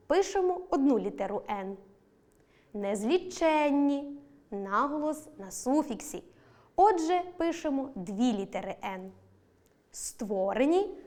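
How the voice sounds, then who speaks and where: Ukrainian woman teaching a recorded lesson, voice bounces up and down a lot, slows down hard on the example words. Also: high voice, darkish tone. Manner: slow, deliberate stress on example words.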